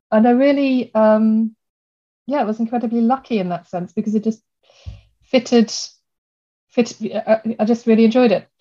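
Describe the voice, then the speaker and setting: In a medium-pitched, slightly mellow voice, a guest architect—a woman who grew up in Germany—thinks through interview answers, often restarting with plenty of fillers. The high frequencies of the audio are cut off.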